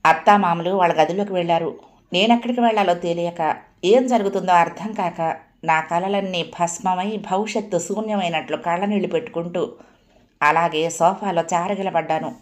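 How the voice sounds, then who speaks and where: A woman narrating a family novel in the first person as an audiobook, in an expressive storytelling manner. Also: on the low side, normal speed.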